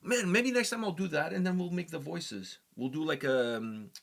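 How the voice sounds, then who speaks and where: A young man co-hosting a music reaction show, chatting casually and ranting with animated, jokey energy. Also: fairly high pitch, moderate pace, vocal fry. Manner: rambling, animated, jokey rants. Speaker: reaction channel co-host. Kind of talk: casual chat.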